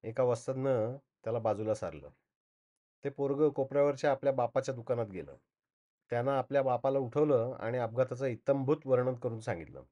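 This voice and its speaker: Storyteller: a man reading a short story with steady, measured narration, mid-pitched voice, slightly dull lo-fi recording.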